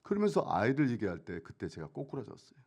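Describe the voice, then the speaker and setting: A middle-aged man, a church elder, giving a testimony sermon, swinging between loud emphatic bursts and hushed asides and answering his own questions. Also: medium pitch, wildly swooping pitch, fast talker.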